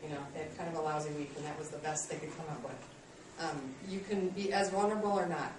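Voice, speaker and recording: A woman's voice: deep voice, fairly even intonation, fast talker, distant mic, noisy background. Woman teacher in an echoey classroom. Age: 30s. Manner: friendly, self-deprecating, many ums. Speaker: college instructor. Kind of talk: classroom lecture.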